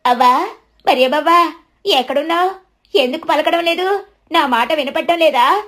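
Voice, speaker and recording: A woman's voice: high voice, steady tone, fairly quick, faint music behind, pitched above the performer's own voice, natural voice. A woman voicing an anxious, caring young village wife who speaks in an urgent rush, in a storybook. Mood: alarmed. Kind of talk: storybook narration.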